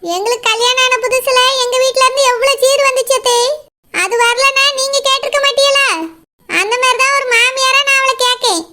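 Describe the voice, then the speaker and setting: A woman's voice: very high voice, a little fast, sharp tone. A woman voicing a bitter, complaining middle-aged mother-in-law in a cartoon. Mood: resentful. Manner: resentful, whining. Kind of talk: cartoon voice acting.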